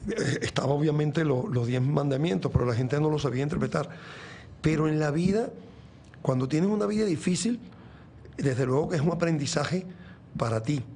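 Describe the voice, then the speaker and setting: A man from Venezuela in his sixties speaks as an interview guest, his voice sitting a little high for a man. He talks earnestly about faith, circling back and restarting his phrases often. A faint hiss runs under the recording. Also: darkish tone. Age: 60s. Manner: earnest, rambling, many restarts. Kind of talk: reflective faith talk in an interview.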